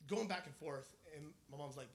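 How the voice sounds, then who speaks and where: A man's voice: a little high, normal speed, a little hiss or hum. A man casually recounting a personal story in conversation, rambling with many fillers and restarts.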